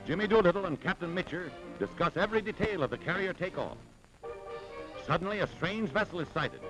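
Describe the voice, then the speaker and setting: A man narrating an old wartime newsreel in a high, lively voice that rises and falls with dramatic emphasis. He announces each line with emphatic showmanship. Loud music plays under him throughout on a vintage newsreel soundtrack. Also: fairly quick, low-quality recording. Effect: old newsreel narration over music.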